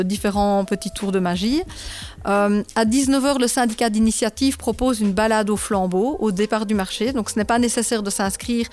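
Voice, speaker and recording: A woman's voice: medium pitch, a little mellow. A woman, a guest in a radio interview, methodically walking through an event schedule. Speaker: guest, local events organizer.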